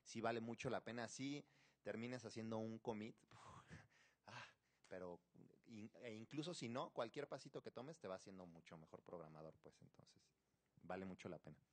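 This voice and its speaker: A man's voice: fairly low pitch, normal speed. A man talking informally and explaining in an encouraging way, often checking with tag questions. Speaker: conference attendee, programmer.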